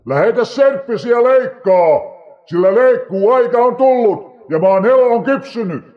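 A man voicing a proclaiming male angel of judgment, declaiming his words slowly and loudly. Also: very high voice, lively intonation, muffled recording, pitched above the performer's own voice. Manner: declaiming, slow and raised.

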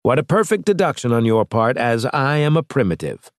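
A man voicing a bold male starship captain who talks forcefully, quickly and with sarcasm in an audiobook. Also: medium pitch, big pitch swings, no echo, clean studio sound, voice pushed up. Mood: commanding. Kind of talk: audiobook character voice.

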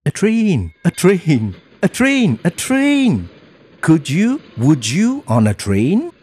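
Small pesky storybook creature, played by a man: high, insistent, sing-song, eager to persuade. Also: huge pitch swings, takes it slowly, a little mellow, husky, heavily acted. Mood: excited pestering. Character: pushy, eager, high-voiced small creature pestering with food. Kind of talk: storybook character voice.

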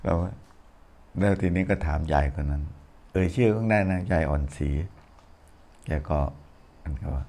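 A man's voice: extremely low pitch, moderate pace, pauses often, warm tone. An older man, a Buddhist monk, giving a casual, folksy sermon full of anecdotes and chuckles. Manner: chatty, folksy, chuckles while telling stories.

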